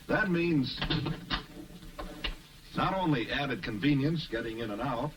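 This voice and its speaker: A man delivering a 1950s TV commercial pitch in a folksy, confiding salesman manner, heard as old broadcast audio. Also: a bit bright, recorded from a distance, a little hiss or hum, low-quality recording. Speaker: commercial announcer.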